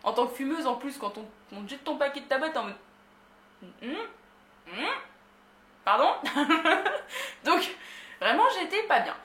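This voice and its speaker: A woman's voice: high-pitched, lively intonation, moderate pace, a bit bright, slight background noise. A young woman from France telling a story in a casual, slangy way, laughing often. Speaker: vlogger. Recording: roomy echo.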